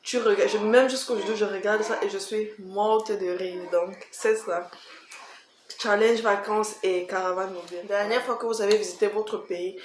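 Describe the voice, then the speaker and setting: A woman's voice: mid-range voice, steady tone, normal speed, slight background noise. Echoey Cameroonian woman, emphatic vlog chat. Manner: emphatic, repeats herself, adds rhetorical tag questions. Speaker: vlogger answering tag questions. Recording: roomy echo, faint background music.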